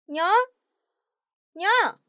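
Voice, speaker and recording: An excitable young martial artist, as a woman narrator acts him out bursts out in loud, urgent lines that jump up and down in pitch. The sound is dry and close. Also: moderate pace, no room sound. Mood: urgent, excited. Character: hot-headed young male martial artist.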